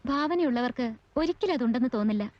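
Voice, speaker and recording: A woman's voice: on the high side, lively intonation, fast talker, no room sound, lightly acted. An actress playing an earnest, persistent woman who pleads a writer's case, in a 1980s film. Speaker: visitor urging a parole. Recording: dull old film sound.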